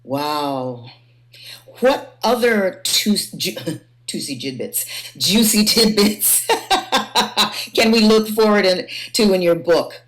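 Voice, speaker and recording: This panel host and moderator speaks at medium pitch, animated yet slow, with frequent pauses. Her conversational moderating has her groping through sentences and repeating phrases to stress them.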